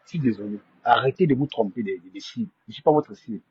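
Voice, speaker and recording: A man's voice: medium pitch, quick pace, slightly rough, dull audio. A man hosting a live stream, stammering and repeating himself as he defends himself to viewers. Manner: indignant, defensive.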